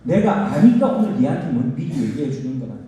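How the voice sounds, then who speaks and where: A man's voice: mid-range voice, sing-song, brisk, warm tone, lightly acted. A man preaching voices God as a stern male figure who bluntly warns a king. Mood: stern warning. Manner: blunt, commanding, casual speech. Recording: echoey church hall from far off.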